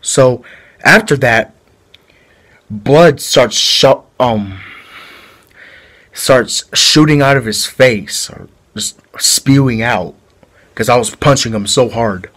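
A man playing a male killer who confesses a brutal fight in a halting, rambling way, in an amateur home-video drama. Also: mid-range voice, fairly bright tone. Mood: flat confessing. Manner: halting, rambling storytelling with restarts.

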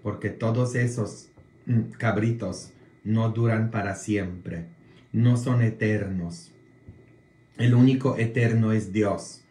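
Polish-born male priest, casual viewer talk, very slow, roomy echo, keeps tossing in "mm?" checks. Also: fairly low pitch, warm tone. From Poland. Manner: slow, drawn-out delivery with frequent "mm?" tag questions.

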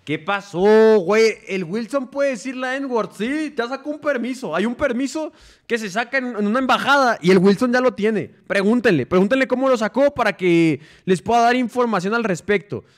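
A young man with a Mexican accent, streaming casually, full of slang and swearing, with frequent laughs and viewer stories read aloud. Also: fairly quick. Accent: Mexican Spanish. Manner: slangy, swears freely, laughs often, reads stories in a lower flat voice. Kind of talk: casual livestream chat, reading viewer stories.

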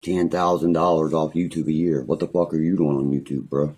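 Speaking a little fast in a flat, husky bass with a darkish tone, a young man with a West Virginian accent delivers a profane live-stream rant. He's on his phone in a small room at home, angry and rambling, making threats and cursing constantly.

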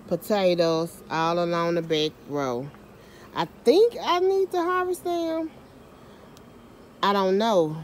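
Woman vlogger, lowish voice, drawn-out easygoing delivery, talking to her phone camera outside in the yard. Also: a little mellow, a little hiss or hum. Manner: chatty, self-mocking, uses Southern US slang. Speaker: home gardener and vlogger. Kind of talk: casual garden tour. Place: outdoor backyard garden. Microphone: handheld phone camera.

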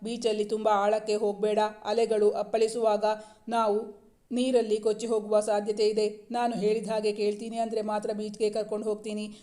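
A woman's voice: mid-range voice, completely flat delivery, fairly quick, mellow, lightly acted. Tender young husband, read by a woman. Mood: caring.

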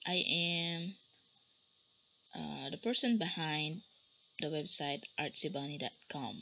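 A woman in her twenties from the Philippines, teaching beginner phrases slowly and carefully, repeating each one for practice. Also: low voice, bright, forceful tone. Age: 20s. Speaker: language teacher and blogger. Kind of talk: beginner language lesson. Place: small room, indoors. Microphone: webcam at desk distance. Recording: dull lo-fi webcam sound with faint noise.

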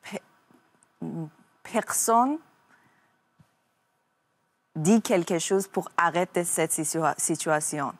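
A young woman from Iran, a talk show guest speaking halting French and searching for her words. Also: on the low side.

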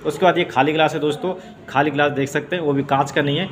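A man teaching a science demonstration lesson, explaining step by step and filling pauses with "okay" and "friends". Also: fairly high pitch, steady tone, a little hiss or hum. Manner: repeats "theek hai" and "doston" often.

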